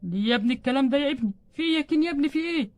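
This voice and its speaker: A warm-hearted older grandfather in a children's doll story, voiced by a woman with an Egyptian Arabic accent. He soothes and gently scolds in a high voice, talking very fast. The sound is dry and close. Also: no room sound. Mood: reassuring. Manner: calming and gently chiding. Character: kindly older grandfather, reassuring.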